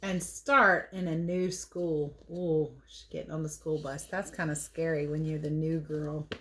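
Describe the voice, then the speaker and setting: Reading a picture book aloud to children, this woman teacher tells the tale expressively while adding playful, chatty notes about the pictures. Her voice is deep and a bit bright, delivered flatly at a measured pace, with slight background noise. The talk is animated read-aloud storytelling broken up by casual asides.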